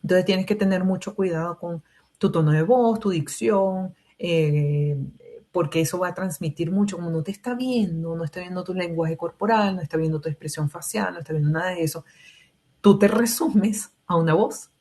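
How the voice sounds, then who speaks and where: A woman's voice: on the low side, fairly quick, mellow. A Venezuelan woman presenting a live webinar on job interviews, explaining step by step and often checking in with "ok?", heard over a video call mic. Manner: explanatory, frequent "¿ok?" check-ins. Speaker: webinar presenter, recruitment trainer.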